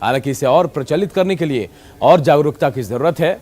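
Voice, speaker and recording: A man's voice: fairly high pitch, expressive, a little fast, a little mellow. A male news anchor giving voice-over reports.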